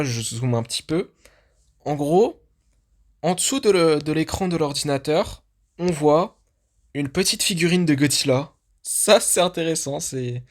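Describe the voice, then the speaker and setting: A YouTube host giving casual commentary on a film teaser. The host talks like an enthusiastic fan who thinks aloud, with many restarts and fillers. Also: mid-range voice.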